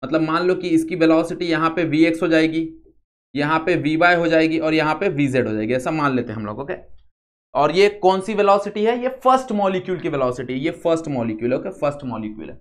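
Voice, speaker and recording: A young man with an Indian accent giving a physics lesson, going slowly step by step and often asking the class yes or no. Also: a little high, lively intonation. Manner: repeats steps, quizzes students often. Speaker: physics teacher. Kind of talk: classroom lecture.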